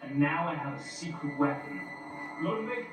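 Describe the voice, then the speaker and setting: A man's voice: fairly high pitch, expressive, moderate pace, lightly acted. A man voicing pompous male musician rivals in theatrical, old-fashioned banter. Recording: very echoey, far off, loud music behind.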